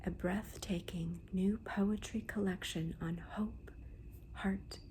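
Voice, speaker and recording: A woman speaking in a hushed, breathy whisper in a soft-spoken ASMR book talk, with deliberate, gentle pauses between phrases. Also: mid-range voice, steady tone. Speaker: host of a book haul video. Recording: noticeable background noise.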